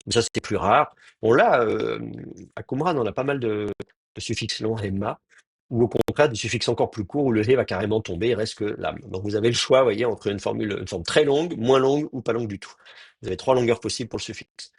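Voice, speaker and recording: Male teacher, husky voice, dry close recording, hesitant explanatory delivery. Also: lowish voice, fairly quick, no room sound. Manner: explanatory, hesitant with many fillers. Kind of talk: online class lecture.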